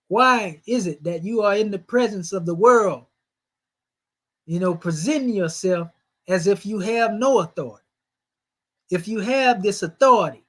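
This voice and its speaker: High-voiced man preaching with rhetorical questions. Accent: Southern US. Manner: preacherly, rhetorical questions, rising and falling emphasis. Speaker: religious teacher. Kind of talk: sermon-style scripture teaching.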